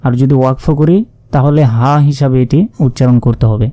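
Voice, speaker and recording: A man teaching Quran reading, spelling out Arabic syllables patiently and chanting each word slowly. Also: medium pitch, fairly even intonation, dark tone, dry recording. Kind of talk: spelling out Arabic letter by letter, slow recitation lesson.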